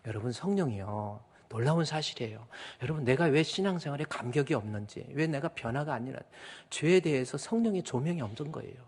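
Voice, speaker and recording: A male pastor preaching a sermon, swinging from hushed asides to loud urgent appeals and acting out quoted voices. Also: mid-range voice, animated, brisk, few pauses, husky. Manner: preaching with dramatic swings, mimics voices and whispers. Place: church sanctuary. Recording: church hall reverb.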